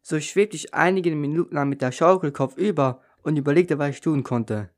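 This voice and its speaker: A man with a slightly raised pitch reads a first-person children's story aloud for radio. He narrates at an even storytelling pace, with a clear voice. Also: normal speed.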